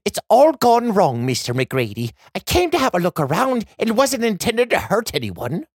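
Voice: mid-range voice, wildly swooping pitch, moderate pace, breathy edge, no echo, clean studio sound, voice pushed up, full character voice. A narrator voicing a polite, anxious young girl heroine in a fantasy storybook. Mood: distressed.

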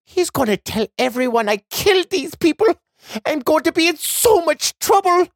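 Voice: mid-range voice, animated, a little slow, dry recording, voice pushed up. A narrator voicing a polite, anxious young girl heroine in a fantasy storybook. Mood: distressed.

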